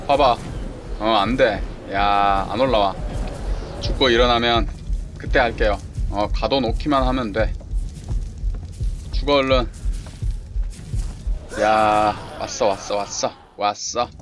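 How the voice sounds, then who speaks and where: Soft music plays behind a survival-game streamer whose medium-pitched voice moves slowly with frequent pauses. Chatting to himself and encouraging the creatures, he breaks into excited exclamations as the game's noise stays clearly present.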